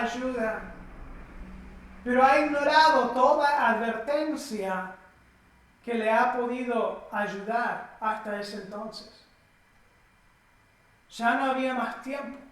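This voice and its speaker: Slow, emphatic preacher in an echoing room. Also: medium pitch, fairly bright tone. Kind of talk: sermon. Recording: echoey room, distant mic.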